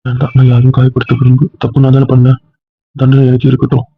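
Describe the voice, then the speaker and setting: A man's voice: mid-range voice, monotone, quick pace, breathy edge, dry recording. A man playing a grief-stricken young husband who pleads and despairs over his guilt. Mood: despairing. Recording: muffled phone-like sound.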